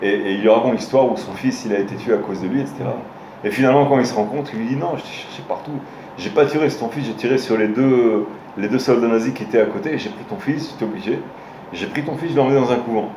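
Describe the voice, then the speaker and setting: In a roomy room with faint ambience and background noise, a man with a mid-range voice talks fast. He's a rabbi leading a casual Torah lesson, addressing his audience directly and telling stories full of hesitations and restarts.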